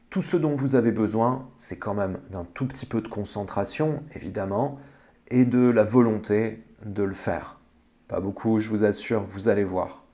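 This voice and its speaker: A man with a gravelly, creaky voice giving step-by-step instruction as a guide for a breathing meditation. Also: on the low side, mellow.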